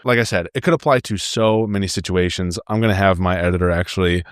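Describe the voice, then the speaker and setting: A man's voice: deep voice, fast, smooth, dry recording. Upbeat man hosting a solo podcast. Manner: friendly, upbeat, speaks directly to listeners. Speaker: podcast host. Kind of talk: solo podcast advice talk.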